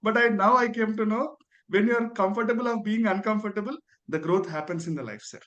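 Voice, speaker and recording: High-voiced, deferential Indian-accented man. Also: a little fast, fairly bright tone, lo-fi sound. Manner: deferential, ends phrases with "sir". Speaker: dentist, guest giving a testimonial. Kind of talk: earnest testimonial.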